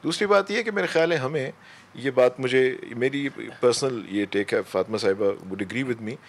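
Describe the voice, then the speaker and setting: A male police officer speaking as a talk show guest, measured and pausing often. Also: mid-range voice. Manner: measured, halting with pauses.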